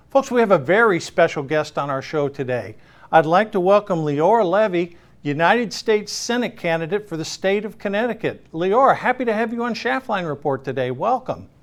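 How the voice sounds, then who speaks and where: A man's voice: high-pitched, lively intonation, normal speed. A man hosting a political talk show, asking questions with frequent fillers and restarts. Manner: hesitant, many fillers and restarts. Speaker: show host.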